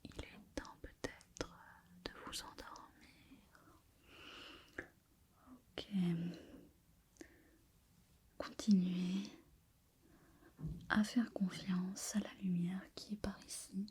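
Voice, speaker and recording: A woman in a whispered role-play as a gentle sleep doctor, hushed and quiet as if at night, soothing and lulling as she softly repeats words. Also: medium pitch, flat delivery, slow pace, pauses often. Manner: hushed, quiet night-time bedtime delivery.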